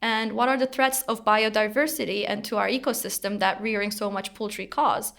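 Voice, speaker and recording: A young woman from Turkey, a researcher explaining her work in an interview in a measured way, with occasional fillers. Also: medium pitch, fairly even intonation, creaky, fairly bright tone. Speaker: researcher guest.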